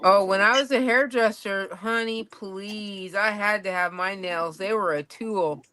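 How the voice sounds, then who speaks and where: A woman's voice: medium pitch, normal speed, a crowd in the background. A woman hosting a casual craft livestream, chatting playfully with guests and greeting viewers by name. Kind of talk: casual chat on a live stream.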